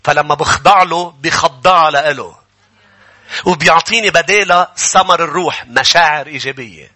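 A man's voice: on the high side, moderate pace, pushed and bright. A male pastor preaching a Bible-study sermon, emphatic and questioning his congregation as he builds to fervent peaks.

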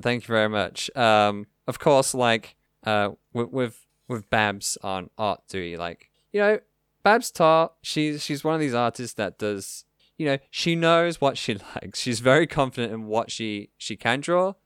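A man's voice: medium pitch, very animated, unhurried, a bit bright, clear, resonant tone, dry recording, clean studio sound. A male podcast host chatting casually in an enthusiastic, rambling way, with lots of fillers. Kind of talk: casual chat.

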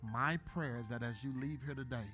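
A man in his thirties, a pastor, preaching a sermon in a church, joking at times and then building to loud, emphatic bursts. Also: medium pitch, brisk, soft background music. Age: 30s.

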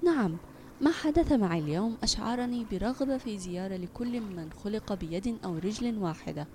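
A woman voicing an eager, hopeful young boy in a children's audio story, with an excited, bright way of talking. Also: mid-range voice, brisk, a little hiss or hum, natural voice. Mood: gentle.

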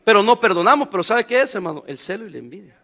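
A middle-aged man preaching a sermon, his voice high for a man, bright and gravelly. He jokes, turns sarcastic and talks in everyday slang to the congregation. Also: very animated, rapid-fire. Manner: sarcastic, joking, colloquial preaching. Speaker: pastor.

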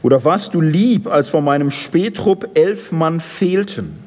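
Man reading out a despairing soldier back from war, low and husky, long reverb in a big hall. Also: expressive, measured pace, a little mellow. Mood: bitter accusation. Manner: reproachful, low and subdued. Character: bitter young male war survivor accusing God.

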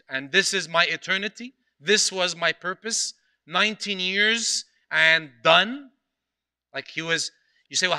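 A priest delivering a sermon in a high, bright voice with a crisp, smooth tone. He tells a story earnestly and leans on repeated phrases for emphasis.

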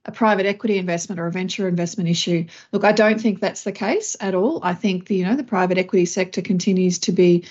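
A woman hosting a finance podcast, explaining banking events in a measured, conversational way. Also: on the low side, darkish tone. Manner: measured, explanatory, some restarts. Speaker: podcast host, chief investment officer. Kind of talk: scripted podcast intro then casual chat. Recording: slightly dull lo-fi audio.

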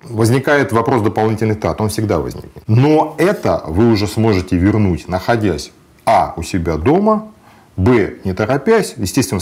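A man's voice: deep voice, a little mellow. A man being interviewed, explaining practical travel advice in a matter-of-fact way, with frequent hesitation sounds. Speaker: guest sharing travel experience. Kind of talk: conversational interview.

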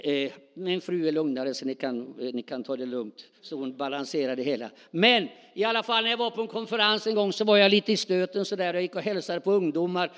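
A man's voice: high-pitched, few pauses. A middle-aged man preaching a sermon, talking spontaneously and calling out questions to the congregation in a church hall. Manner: animated, spontaneous, calls out to the congregation. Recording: long hall reverb.

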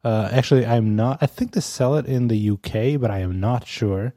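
Podcast guy rambling about his new phone, mellow low-key voice, lots of uhs and likes, dry close sound. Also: moderate pace, no room sound. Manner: rambling, many fillers and restarts, laughs often. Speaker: podcast co-host. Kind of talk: casual chat. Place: lives in Amsterdam.

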